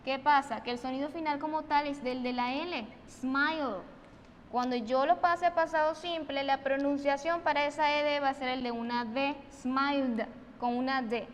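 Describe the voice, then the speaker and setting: A Venezuelan woman teaching English pronunciation, switching between Spanish and English and repeating each example word slowly and with emphasis. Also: high voice, steady tone, big-room sound, slight background noise. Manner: slow, emphatic repetition of example words. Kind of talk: recorded online English lesson.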